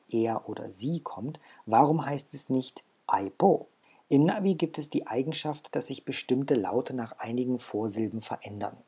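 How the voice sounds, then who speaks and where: A man leads a language lesson with a mellow, slightly husky voice. He explains each point patiently and says example words twice so learners can follow. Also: mid-range voice. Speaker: language course teacher.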